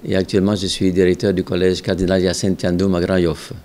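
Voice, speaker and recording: Speaking in a low voice, this elderly Ontario man, who is both a religious brother and a school director, looks back on his earlier life. He is interviewed at his office desk in front of a microphone, and his recollections come out calm and thoughtful, with some hesitant moments.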